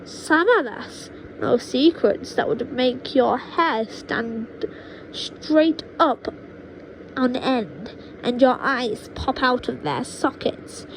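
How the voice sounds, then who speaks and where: A woman voicing a sinister, witchy old grandmother in a storybook, menacing and secretive, with a drawn-out delivery. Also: animated, exaggerated voice. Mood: sinister boasting. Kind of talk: storybook character voice in an audiobook reading. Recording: noisy low-quality home microphone.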